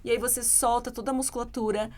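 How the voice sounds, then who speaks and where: A woman's voice: a little high, steady tone, fast talker, darkish tone, a little hiss or hum. A Brazilian woman English teacher co-hosting a podcast, chatting casually and explaining with examples and frequent tag questions.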